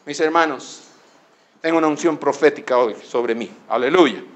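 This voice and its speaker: A pastor imitating a pompous prosperity preacher who claims a prophetic anointing, with drawn-out, mock-solemn hallelujahs. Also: male voice, on the high side, close to an everyday voice.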